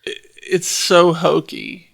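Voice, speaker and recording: A man's voice: on the high side, animated, gravelly, fairly bright tone. A man co-hosting a podcast, talking in an incredulous, mocking way. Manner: incredulous, drawn-out. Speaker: podcast co-host. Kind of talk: casual chat.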